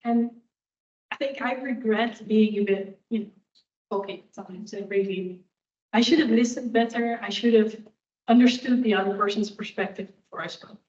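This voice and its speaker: A woman's voice: medium pitch, fairly even intonation, moderate pace, darkish tone. A woman guest speaker answering audience questions in a candid, reflective way. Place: university lecture hall. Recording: echoey hall, distant dull room mic.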